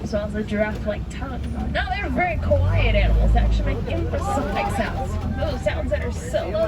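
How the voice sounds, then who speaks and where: A woman working as a safari guide, giving chatty, informative live tour commentary from a moving open truck. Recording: very noisy open vehicle, distant, crowd chatter. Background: vehicle rumble, outdoor noise, crowd.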